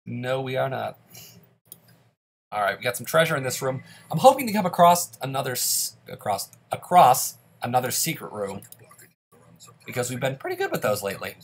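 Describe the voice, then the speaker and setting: A man's voice: mid-range voice, huge pitch swings, moderate pace. Congested man doing let's play commentary. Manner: chatty, talks through each move. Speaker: gaming channel host.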